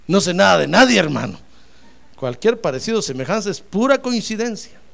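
A man's voice: high voice, sing-song, a little fast, vocal fry, fairly bright tone. A man preaching a sermon with fervor, calling his listeners brother and acting out the voices he quotes.

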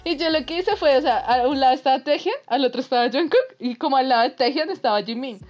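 A woman with a high voice tells a story on a casual podcast. She is animated and laughs often. Soft music plays faintly behind her. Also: fast talker, lo-fi sound. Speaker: podcast co-host.

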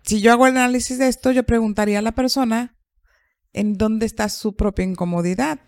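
A woman psychologist, calmly explaining and asking rhetorical questions in a podcast conversation. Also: fairly high pitch, fairly quick, dry recording, clean studio sound. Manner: calm, explanatory, asks herself rhetorical questions.

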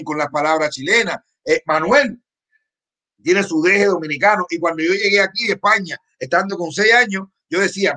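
A man from Cuba co-hosting a casual livestream, talking to the viewers in a lively way. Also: sits high. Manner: lively, addresses viewers as "señores". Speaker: co-host. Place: in Miami.

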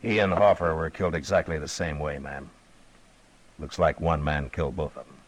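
An actor playing a calm, firm frontier marshal in a 1950s radio drama. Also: male voice, very deep voice, normal speed, poor audio. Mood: stern. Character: steady, stern frontier marshal.

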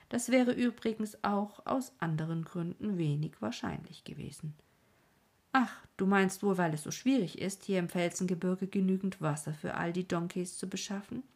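A woman's voice: fairly low pitch, darkish tone, slightly rough, heavily acted. A woman voicing a genial middle-aged doctor who dryly mocks and lectures his young nephew. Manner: dry, mocking, lecturing.

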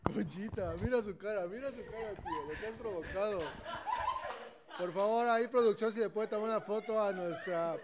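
A man's voice: sits high, normal speed, a crowd in the background. A man hosting a casual show, teasing and laughing a lot. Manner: teasing, laughing, says "tío" often. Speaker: host.

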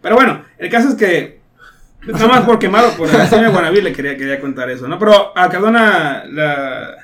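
High-voiced Mexican man telling stories. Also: brisk, a crowd in the background. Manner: animated, slangy, quotes friends in lively asides. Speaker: podcast guest. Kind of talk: casual storytelling.

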